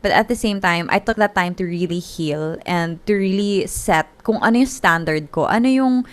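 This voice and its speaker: A Filipino-accented woman in her twenties hosts a podcast over a call, chatting casually in a mix of Tagalog and English and laughing often. Her voice is medium-pitched and her pace is normal.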